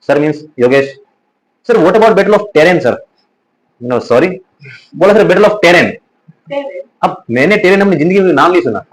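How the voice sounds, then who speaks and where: Man, Rajasthani accent, young adult, teacher, exam revision lesson, repetitive question-and-answer drilling, rapid, slightly high voice. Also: rough recording. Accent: Rajasthani Hindi. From Rajasthan, India. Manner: chatty storytelling asides.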